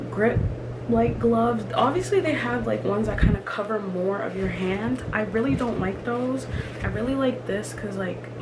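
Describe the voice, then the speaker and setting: A young woman vlogging in casual chat, emphatic and chatty with lots of fillers, in a small room. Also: medium pitch. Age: young adult. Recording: loud room ambience noise.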